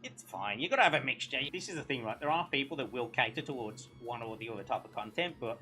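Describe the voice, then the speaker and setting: A man's voice: mid-range voice, animated, quick pace, sharp tone, soft background music. A man hosting a casual chat in a teasing, chatty way. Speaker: talk show host.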